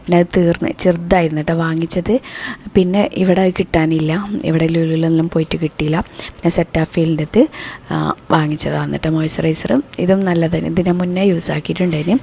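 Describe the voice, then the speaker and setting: A woman talks through her day in a casual vlog, keeping her voice soft and hushed. Her tone is low and mellow, with a gravelly edge. She chats and rambles, explaining each step as she works, over a faint hiss. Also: level tone, fast. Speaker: vlogger.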